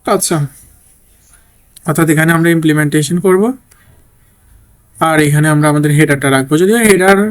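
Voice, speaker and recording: A man teaching a programming lesson while typing code, thinking aloud and often checking in with "okay?". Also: a little high. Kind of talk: screen-recorded coding tutorial.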